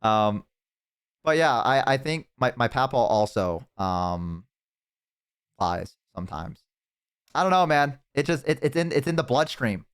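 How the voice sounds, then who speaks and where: A young man chatting casually on a live stream, telling rambling, profane stories to his chat and slipping into animated impressions. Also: medium pitch, measured pace, long pauses, clear, resonant tone. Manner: talks to chat.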